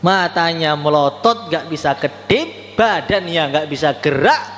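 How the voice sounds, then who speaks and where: Animated male preacher, echoey hall. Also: a little high, unhurried. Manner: animated storytelling, voices characters, playful asides to audience. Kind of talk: storytelling sermon. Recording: echoey hall with faint hum.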